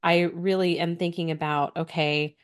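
A woman's voice: lowish voice, fairly even intonation, moderate pace, smooth. A woman co-hosting a podcast and speaking in the earnest, encouraging tone of a business coach. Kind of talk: casual podcast chat.

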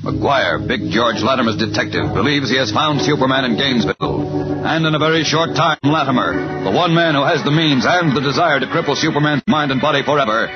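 A man's voice: medium pitch, animated, a little fast. A man announcing and narrating a 1940s radio serial in an emphatic, theatrical old radio announcer's manner. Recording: dull vintage radio recording, loud music. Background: organ music.

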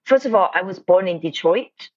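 A woman's voice: on the low side, animated, normal speed, lo-fi sound. A woman from Hong Kong, a lighting designer, talking casually as a guest, with many fillers and restarts. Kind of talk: casual interview.

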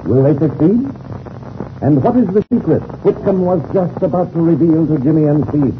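A noisy, narrow-band vintage radio recording of a male announcer. He is dramatic and emphatic, fairly high in pitch, in old serial style. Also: expressive, normal speed.

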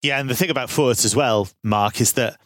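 A man's voice: mid-range voice, dry recording. Man hosting a betting podcast. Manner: brisk linking presenter, steering to co-hosts. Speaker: podcast host. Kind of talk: presenting, with a read sponsor promo.

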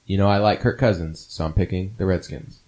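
Brief: man, low voice, casual opinionated sports host, rambling delivery. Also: brisk, darkish tone. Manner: rambling, opinionated, frequent fillers. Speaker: podcast host.

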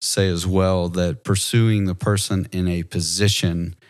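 A man co-hosting a podcast, speaking in a measured, thoughtful way in casual conversation. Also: deep voice, flat delivery, dry recording, clean studio sound.

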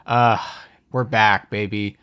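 A man's voice: on the low side, flat delivery, sharp tone, clear, resonant tone. A man in his thirties hosting a tabletop game podcast over a video call, joking and self-mocking as he introduces his friends. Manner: playful, self-mocking, quick asides. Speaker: game master and podcast host. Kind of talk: casual chat among friends. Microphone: home mic over video call.

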